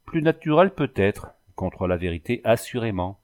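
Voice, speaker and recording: A man's voice: medium pitch, lively intonation, moderate pace, close to an everyday voice. A man voicing a distraught young woman back from some otherworld, speaking in a trembling, pleading way. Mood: certain.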